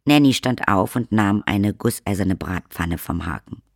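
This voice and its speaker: A man reading the narration of a fantasy audiobook in a measured storytelling manner. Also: lowish voice, lively intonation, vocal fry, dry recording, clean studio sound. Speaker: audiobook reader. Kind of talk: scripted narration.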